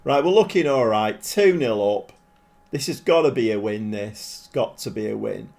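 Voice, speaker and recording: A man with a lowish, gravelly voice live-streams a football management game. He keeps things casual with his viewers, mocking himself and lighting up with excitement fast.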